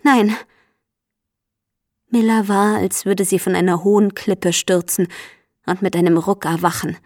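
A woman giving a steady, measured reading of a scripted storybook narration. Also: medium pitch, no room sound, clean studio sound. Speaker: audiobook narrator.

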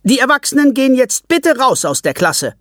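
Narrator doing a strict teacher lady, bossy and loud, high and a bit husky, dry sound. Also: wildly swooping pitch, unhurried, dry recording, full character voice. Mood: stern. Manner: firm and commanding. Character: strict female schoolteacher, loud and firm. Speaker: classroom teacher.

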